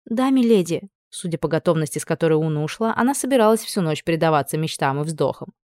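A woman narrating a novel as an audiobook in a steady, even storytelling manner. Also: deep voice, fast, clean tone, no room sound, studio quality. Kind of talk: scripted narration.

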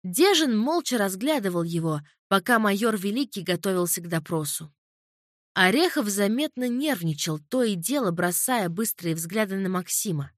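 A woman reading a crime novel in a calm, measured narration. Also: mid-range voice, dry recording, studio quality. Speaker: audiobook narrator. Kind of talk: scripted narration.

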